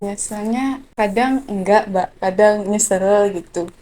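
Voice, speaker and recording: A woman's voice: medium pitch, measured pace, mellow. A woman, interviewed as a villager, talking casually and hesitantly with many fillers. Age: 20s. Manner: hesitant, filler-heavy chatty talk.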